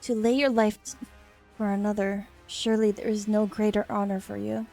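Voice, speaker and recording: A woman's voice: mid-range voice, little pitch movement, brisk, vocal fry, over music, lightly acted. Woman acting out a haughty, cold villainess. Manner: formal, imperious. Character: haughty, cold villainess commander, mockingly polite.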